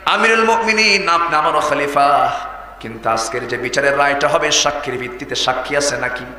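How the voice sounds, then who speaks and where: A preacher voicing a grave old-time judge. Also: male voice, fairly high pitch, moderate pace, pushed and bright, echoey room, long reverb tail, pitched below the performer's own voice. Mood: stern. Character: stern upright male judge of old.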